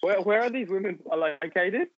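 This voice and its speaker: A man's voice: high voice, moderate pace, dull audio. A man in a casual chat among friends, chiming in with short agreeing remarks.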